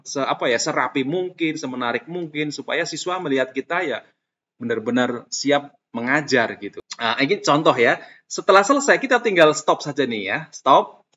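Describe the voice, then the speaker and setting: A man leads a relaxed screen-recorded lesson for teachers and fills it with small fillers as he goes. His voice sits a little high. The computer-mic sound is muffled and lo-fi. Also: a little fast. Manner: chatty, filler-heavy, explains step by step. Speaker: teacher trainer. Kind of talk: casual screen-recorded tutorial. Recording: dull lo-fi sound.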